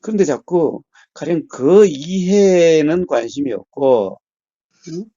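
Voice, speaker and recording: A man speaks slowly and steadily as a meditation teacher, answering a caller with patient explanations. His voice is mellow and lively in pitch. The sound is dry and dull, like a muffled call. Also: no room sound. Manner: calm, measured, often murmurs short assents. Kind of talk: phone counseling talk.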